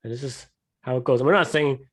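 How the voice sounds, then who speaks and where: A man's voice: mid-range voice, quick pace. A young man co-hosting a casual podcast chat, easygoing and wry. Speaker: podcast co-host.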